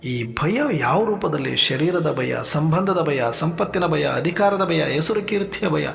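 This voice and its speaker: A man giving a sermon in a measured teaching manner, asking rhetorical questions and listing points for his listeners. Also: a little high, expressive, creaky, a bit bright. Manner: rhetorical questions, lists, addresses listeners as brothers. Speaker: spiritual speaker. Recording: long hall reverb with faint music.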